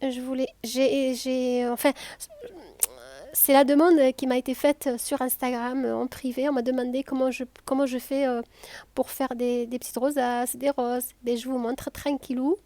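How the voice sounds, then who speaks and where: A woman with a southern French accent, calmly explaining a cooking tutorial step by step, with frequent hesitations. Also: high voice, normal speed, dry recording. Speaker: home cook.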